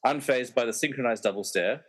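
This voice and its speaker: A man with a medium-pitched, fairly bright voice speaks fairly quickly as he narrates a comedic podcast radio play. He hosts its quiz too, with tongue-in-cheek, easygoing banter.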